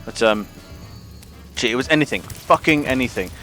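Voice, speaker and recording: A man's voice: medium pitch, expressive, normal speed, sharp tone, faint music behind. A man ranting casually and profanely on a gaming livestream, rambling with lots of restarts. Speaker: gaming streamer.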